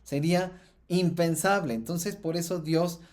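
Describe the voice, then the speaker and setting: Mexican guy on a faith podcast, kinda high voice, thinks out loud with lots of ums, pushes up on key points. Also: steady tone, unhurried. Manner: thoughtful, many fillers and restarts, rises in emphasis. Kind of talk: reflective podcast teaching.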